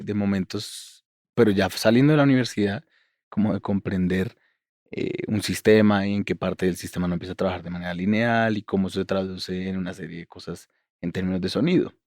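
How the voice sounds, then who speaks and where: Rambling podcast host. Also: male voice, lowish voice, darkish tone, no room sound, studio quality. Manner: thoughtful, rambling, circles back with asides. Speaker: podcast host and university educator. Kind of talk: podcast interview.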